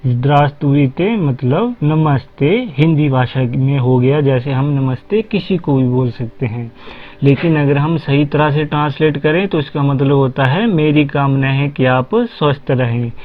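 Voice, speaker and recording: Slow, deliberate man teaching. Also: medium pitch. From Haryana, India. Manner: spells words out letter by letter, repeats himself often. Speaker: language teacher. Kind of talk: casual spoken lesson. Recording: dull lo-fi recording.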